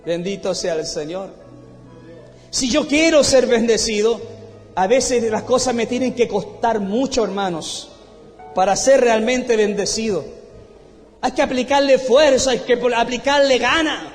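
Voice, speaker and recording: A man preaching a fervent sermon as pastor, with a Chilean accent, often breaking into shouted praise. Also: very high voice, a little slow, in a large hall, faint music behind. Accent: Chilean Spanish.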